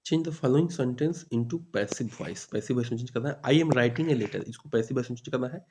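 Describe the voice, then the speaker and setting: A man with a middling pitch runs through exam questions for a teacher-training course. He reads the sentences deliberately, then explains them in Hindi in a steady teaching manner, over a faint hiss of background noise. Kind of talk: exam-prep grammar lesson.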